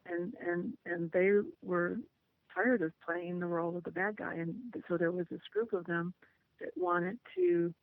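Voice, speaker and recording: A woman tells her story earnestly down a tinny, phone-like line, her voice gravelly with fry. She rambles, circling back and restarting her sentences. The sound is dry and close, with no room around it. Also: fairly low pitch, normal speed, no echo. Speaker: interview guest. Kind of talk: first-person storytelling.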